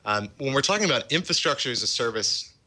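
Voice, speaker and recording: A man guest on a tech podcast, explaining software in a casual way with many fillers. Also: mid-range voice, lively intonation, fast, low-quality recording. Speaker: guest, open-source project developer. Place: office in a large city.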